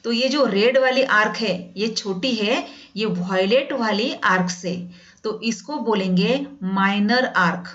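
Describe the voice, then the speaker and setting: A woman teaching a math class, patiently repeating each definition slowly and addressing her students as "beta". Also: medium pitch, a bit bright. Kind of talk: classroom lesson in Hindi with English definitions. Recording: dull lo-fi sound.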